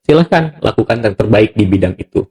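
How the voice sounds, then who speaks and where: Low-voiced man hosting a podcast chat. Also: fairly quick. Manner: relaxed, chuckles often, emphatic asides. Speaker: podcast host. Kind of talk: casual podcast conversation.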